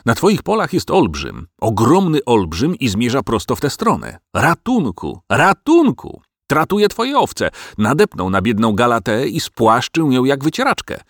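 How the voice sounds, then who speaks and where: A panicky male farm dog yelps and howls for his master, his voice jumping high above the reader's own and swinging wildly, put on by a man. It is a storybook reading with a dry, close sound. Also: huge pitch swings, normal speed, few pauses, a bit bright, no room sound, exaggerated voice. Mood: urgent. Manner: frantic, shrill cries for help.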